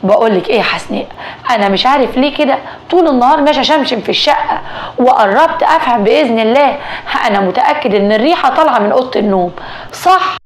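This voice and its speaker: A woman voicing a calm, practical Egyptian husband in a told story, speaking steadily in a slightly lowered voice. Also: fast talker, close to an everyday voice. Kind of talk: storytelling dialogue.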